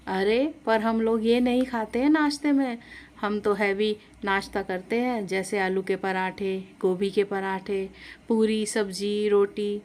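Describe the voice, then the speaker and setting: A woman's voice: mid-range voice, steady tone, a little slow, darkish tone, lightly acted. A woman voicing a stubborn, traditional middle-aged mother-in-law who complains and insists on her own ways, in a storybook tale. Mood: annoyed.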